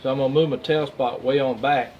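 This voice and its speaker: A man's voice: medium pitch, steady tone, fairly quick, muffled recording. A man with a Southern US accent giving a casual, plain-spoken, hands-on workshop tutorial as a craftsman. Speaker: craftsman demonstrating duck call making. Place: workshop at a lathe. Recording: loud machinery and workshop noise.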